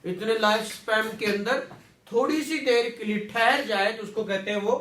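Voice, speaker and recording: A man's voice: high-pitched, normal speed, bright, forceful tone. A man teaching a classroom lecture, repeating words and quizzing students with questions. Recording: echoey room, distant mic.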